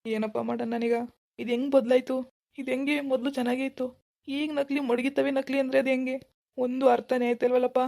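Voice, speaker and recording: A woman's voice: on the high side, flat delivery, quick pace, dark tone, no echo, studio quality, close to an everyday voice. A woman voicing a pleading village man. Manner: pleading, bewildered, keeps begging "sir". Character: anxious village man pawning his gold. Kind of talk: animated cartoon dialogue.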